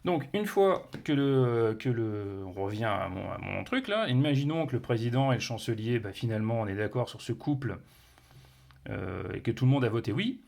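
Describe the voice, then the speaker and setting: A man's voice: mid-range voice, lively intonation, normal speed, vocal fry, a little mellow. A man reviewing a board game, explaining its rules casually with many fillers, restarts and playful sound words. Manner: hesitant, many fillers and self-corrections.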